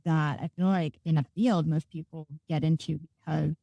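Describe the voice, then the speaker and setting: A woman's voice: low voice, fairly even intonation, moderate pace, creaky, dark tone, dry recording, muffled recording. A woman podcast host chatting casually with a guest in an interview.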